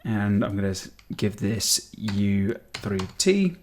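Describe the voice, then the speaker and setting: A man's voice: lowish voice, sing-song, takes it slowly, darkish tone, a little hiss or hum. A man in his thirties teaching programming, thinking aloud with frequent ums and self-corrections as he types. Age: 30s. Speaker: programming tutor. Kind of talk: screen-recorded coding tutorial.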